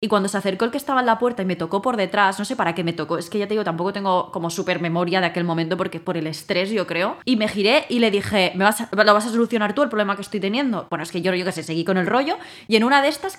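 A woman telling a story in casual conversation, acting out her own lines with bursts of loudness. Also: medium pitch. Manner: animated, acts out her own quotes loudly. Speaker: guest.

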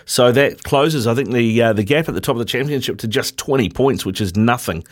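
A New Zealand man hosts live sports talkback radio, chatting in a casual, colloquial and matey way. He speaks fairly quickly in a mid-range voice into a radio studio mic.

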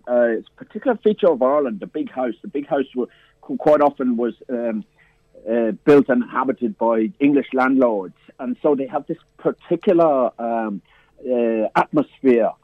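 Heard through a dry, tinny phone connection, a mid-range male voice without any echo discusses films during a radio interview. He's a festival programmer, and his speech is full of fillers, false starts, and restarts.

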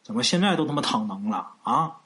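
A man voicing a blustering, foul-mouthed middle-aged village chief, shouting and cursing. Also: mid-range voice, lively intonation, fast, pitched below the performer's own voice.

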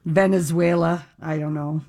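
A woman with a slightly low voice co-hosts a talk show. She chats casually and gives her opinions freely in loose, conversational phrasing. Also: steady tone, a little slow, mellow. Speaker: radio show co-host.

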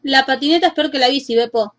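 A woman voicing a clumsy, absent-minded witch who talks in a quick, complaining way. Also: high-pitched, a bit bright. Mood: fretful.

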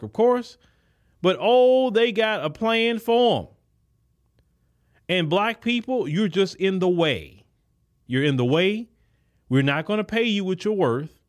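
A man hosting a podcast, giving an indignant, emphatic political commentary monologue. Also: sits high. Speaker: podcast host.

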